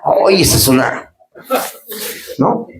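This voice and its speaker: Man, pastor, sermon, impassioned then hushed, echoey church. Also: animated, takes it slowly, slight background noise. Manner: impassioned preaching, swinging between raised pitch and low, quiet asides.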